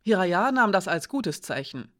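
A woman reading a story aloud in an even, measured narration. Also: medium pitch. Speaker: audiobook reader. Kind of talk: scripted narration.

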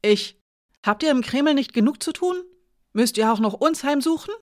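Narrator playing a high-voiced little girl, scared but defiant, loud, storybook reading. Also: expressive, moderate pace, dry recording, studio quality. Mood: angry, fearful. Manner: shrill, fearful and angry. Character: small frightened girl on crutches, defiant.

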